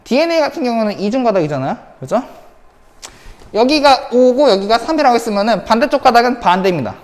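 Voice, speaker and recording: Her mid-range, slightly mellow voice trails a long reverb as this high school science teacher lectures online. She keeps repeating key points and asking her class rhetorical questions.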